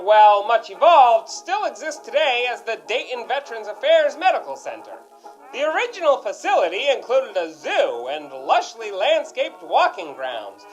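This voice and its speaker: A man's voice: sits high, poor audio. A man hosting a scripted quiz segment in old-time radio style, with wordy, mock-formal narration. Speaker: segment host and correspondent. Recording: music behind the voice.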